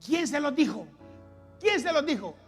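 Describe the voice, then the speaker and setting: A man preaching a sermon as pastor, repeating phrases and swinging between loud calls and hushed lines. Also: very high-pitched, big pitch swings, normal speed, faint music behind.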